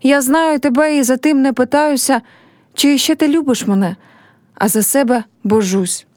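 A woman's voice: high-pitched, normal speed, a little mellow, dry recording, clean studio sound, pitched above the performer's own voice, lightly acted. A woman reading a play aloud and voicing a young village girl who is heartbroken and proud, speaking in a pleading, reproachful way.

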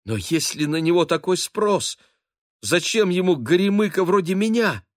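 A man's voice: high-pitched, animated, normal speed, no room sound, studio quality, voice pushed up. A man voicing a shy, flustered young woman who answers her mistress timidly. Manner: timid, bewildered.

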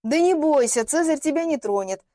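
A woman's voice: sits high, lively intonation, normal speed, dark tone, no echo, clean studio sound, voice pushed up. A woman reading an audiobook, voicing a stern middle-aged woman who walks her dog and barks orders. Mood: soothing. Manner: barking, bossy, turning fussily kind.

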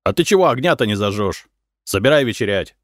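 A man voicing a gruff, irritable peasant who barks curt, impatient orders. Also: fairly low pitch, expressive, brisk, no room sound, clean studio sound, close to an everyday voice.

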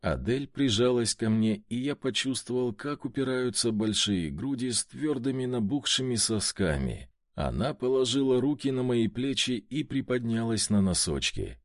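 Male audiobook narrator, expressive first-person reading, close dry studio sound. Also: mid-range voice, no room sound.

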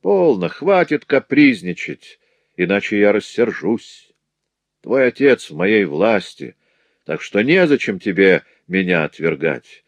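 Reading a story aloud, a man does a full character voice for a lecherous male master who sneers at, taunts, and threatens a young woman with menace. His voice is lowish and very animated, a little slow, with no room sound.

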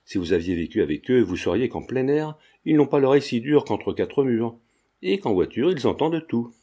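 A man's voice: medium pitch, very animated, moderate pace, mellow, breathy edge. A man voicing a genial old retired druggist who feigns deafness, talking in a sly, affable way.

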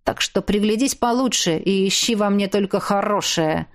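A woman's voice: mid-range voice, close to an everyday voice. A woman voicing a crude, threatening man who has kidnapped his ex-wife, with coarse, mocking speech. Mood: angry. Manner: coarse, mocking, slow menacing delivery.

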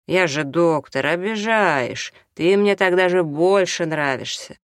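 A man's voice: on the high side, unhurried, fairly bright tone, no echo, clean studio sound. A man reading an audiobook, voicing a brash, hard-drinking doctor who jokes and orders people about. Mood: bossy. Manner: jokey, bossy, offhand.

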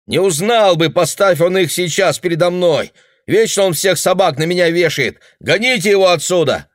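A man reading aloud and voicing a sullen, defiant young man who brushes off blame in a high, shrill voice. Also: moderate pace, fairly bright tone, no echo, clean studio sound, natural voice. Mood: shrill protest.

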